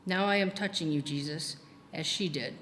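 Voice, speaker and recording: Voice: mid-range voice, moderate pace, a little hiss or hum, natural voice. Desperate repentant criminal, as a reader plays him. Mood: pleading. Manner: pleading, hushed. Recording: long church reverb.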